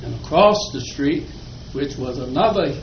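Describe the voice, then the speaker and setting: The speaker is an older Virginia man in an oral history interview, slowly reminiscing through folksy, chuckle-filled stories of growing up. His fairly high voice is expressive and moves at a moderate pace. It was captured in an echoey room on dull, lo-fi audio with faint noise.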